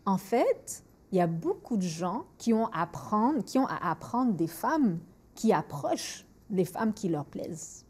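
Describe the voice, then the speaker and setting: A woman in her forties from Montreal, Canada, hosts a podcast and tells candid conversational stories, switching freely between French and English in a Montreal French accent. Her husky, medium-pitched voice moves at a measured pace. She's lively and repeats words when she's thinking.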